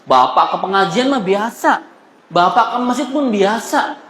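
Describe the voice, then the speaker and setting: A man's voice: sits high, expressive, measured pace, fairly bright tone, echoey room, long reverb tail, slight background noise, poor audio. A male preacher giving a humorous, colloquial sermon in a mosque, joking with and addressing the audience directly. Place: mosque hall.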